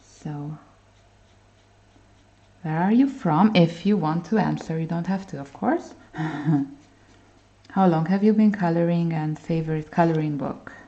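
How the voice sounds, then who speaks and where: A Hungarian woman with a lowish, mellow voice hosts a coloring livestream, speaking unhurriedly with long pauses. She chats casually with viewers and reads their comments aloud. The stream audio is dull and lo-fi.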